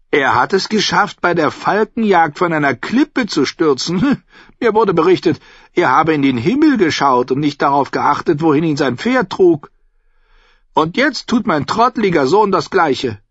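A man voicing a sharp-tongued old noblewoman who mocks everyone bluntly and chattily. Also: fairly high pitch, dry recording, pitched above the performer's own voice. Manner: cutting, scornful, chatty. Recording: dull, dry audiobook recording.

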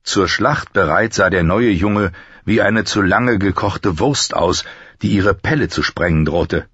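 Deep-voiced man narrating an audiobook. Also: unhurried, fairly bright tone, husky, dry recording, lo-fi sound. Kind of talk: scripted narration.

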